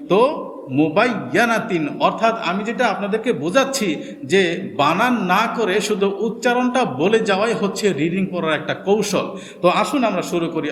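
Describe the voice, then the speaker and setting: A man teaching a Quran reading class. He drills the sounds syllable by syllable and repeats each word slowly. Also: sits high, fairly bright tone. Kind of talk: recorded reading lesson. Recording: echoey room with long reverb.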